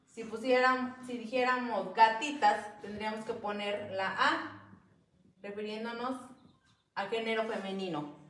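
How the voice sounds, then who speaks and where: A woman explaining a lesson slowly and carefully, stressing the example sounds. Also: a little high, reverberant. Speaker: student presenter. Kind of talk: educational explanation.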